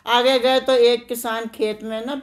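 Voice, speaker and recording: A woman's voice: a little high, little pitch movement, a little slow. A woman preacher with a north Indian Hindi accent gives a devotional discourse, telling a story with chanted refrains and acted-out quotes.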